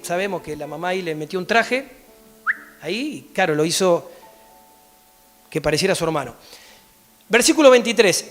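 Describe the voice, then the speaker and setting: A man with an Argentine accent preaching a sermon and reading Bible verses aloud, often checking in with a quick "¿sí?". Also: very high voice. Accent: Argentine Spanish. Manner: animated, often checks in with a rising "¿sí?". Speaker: pastor. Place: church.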